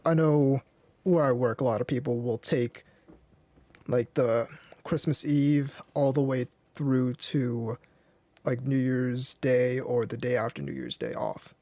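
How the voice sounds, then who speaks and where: A man hosting an anime podcast in casual chat, talking in halting bursts with many restarts. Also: mid-range voice, lively intonation, warm tone, dry recording. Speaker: podcast host.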